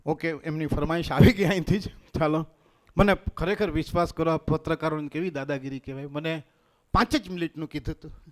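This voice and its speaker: A man, a stage comedian and mimic, talking in a lively, teasing way and drawing the crowd in. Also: fairly high pitch, fairly quick. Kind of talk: stand-up comedy at a religious gathering. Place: stage at a festival gathering.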